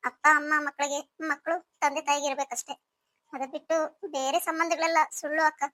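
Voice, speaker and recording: A woman's voice: high voice, level tone, a little fast, a bit bright. A woman voicing a hurt, bitter young pregnant wife in a cartoon story, speaking in a reproachful, pleading way.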